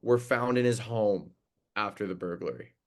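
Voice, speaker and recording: A young man co-hosting a casual sports podcast, animated and joking as he rambles through hockey news. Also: lowish voice, moderate pace. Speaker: podcast co-host.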